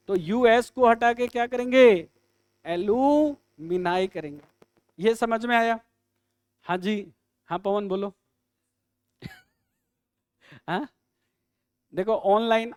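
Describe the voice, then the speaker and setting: A man teaching English in a live online exam-prep lesson, quizzing students with quick questions and jokes. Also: very high voice, smooth, no room sound, studio quality.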